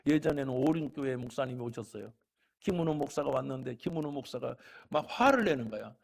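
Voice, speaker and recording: A middle-aged man preaching a church sermon, telling folksy stories and swinging between loud calls to the congregation and quiet, chatty asides. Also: mid-range voice, lively intonation, fast talker, vocal fry, husky. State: a little unwell. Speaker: pastor.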